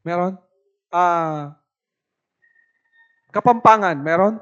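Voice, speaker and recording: A man from the Philippines preaching at a youth camp as an evangelist, lively and often asking his listeners for agreement. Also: high-pitched, takes it slowly, smooth, lo-fi sound. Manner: lively, asks the audience "tama po ba" often.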